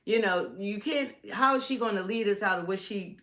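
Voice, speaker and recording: A woman's voice: mid-range voice, normal speed, fairly bright tone. A middle-aged woman with an American accent co-hosting a live stream, giving casual, emphatic political commentary and piling up points in lists.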